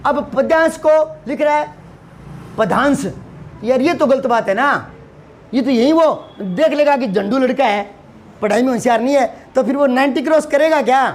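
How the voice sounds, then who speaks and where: A man's voice: very high-pitched, fairly quick, a little mellow. A man teaching a lesson to students, scolding and asking rhetorical questions, often repeating words for emphasis. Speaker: Hindi teacher.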